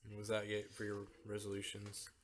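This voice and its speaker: A young man with a fairly low voice co-hosts a casual podcast among friends. He tells stories in a loose, rambling way, full of filler words. The talk is relaxed and unscripted. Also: a little fast, noisy background. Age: young adult. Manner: rambling storyteller, drops into quoted voices. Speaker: podcast co-host. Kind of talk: casual chat.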